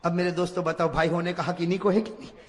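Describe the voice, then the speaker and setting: A man preaching a sermon, telling a story with sudden drops to a hush and bursts of shouting, and he calls on the crowd to repeat after him. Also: high voice, level tone, very noisy. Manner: dramatic, swings from hushed to shouting, urges the crowd to repeat. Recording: long hall reverb.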